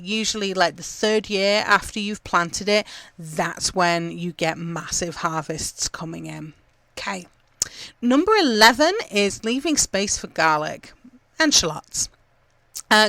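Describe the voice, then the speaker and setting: A woman's voice: medium pitch, pushed and bright, clear, resonant tone, dry recording. A woman from England hosting a gardening podcast, chatting casually with lots of fillers as she gives upbeat tips. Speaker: podcast host.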